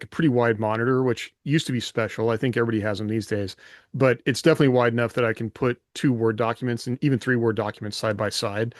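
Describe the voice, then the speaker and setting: A man with a medium-pitched voice hosts a podcast in a casual, chatty way. The recording is studio quality with no echo.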